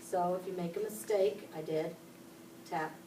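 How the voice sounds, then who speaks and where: Speaking a little slowly in a fairly low, fairly even voice, a Pittsburgh woman leads a class, explaining every step and asking the children questions. A camera across the room picks her up distantly in an echoey classroom with a noisy background.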